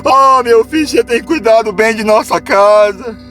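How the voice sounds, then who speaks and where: A storyteller putting on a frail old mother near death, pleading and tearful with her son. She keeps calling him by the same tender words, in a very high voice, with faint music behind. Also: moderate pace, sharp tone. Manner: pleading, repeats "meu filho". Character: dying elderly mother in a nursing home, pleading.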